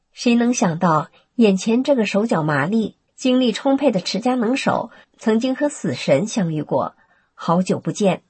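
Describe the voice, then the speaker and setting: A woman reading a first-person testimony aloud in a steady, earnest storytelling manner. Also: mid-range voice, slightly rough, no echo. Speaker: narrator.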